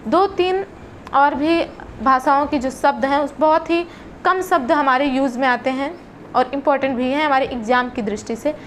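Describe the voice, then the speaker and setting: A woman's voice: sits high, fairly bright tone, slight background noise. A woman teaching an exam-prep lesson, reading long lists of words with short explanations in between. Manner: reads word lists slowly, with short explanations.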